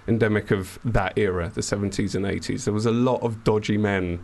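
A man's voice: lowish voice, fairly even intonation, brisk, vocal fry, a little mellow. Middle-aged man hosting casual radio chat. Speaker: radio host. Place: radio studio.

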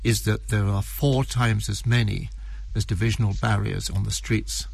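Gravelly, low-voiced male defence analyst. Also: fairly even intonation, moderate pace, a little mellow, no room sound. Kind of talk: interview commentary.

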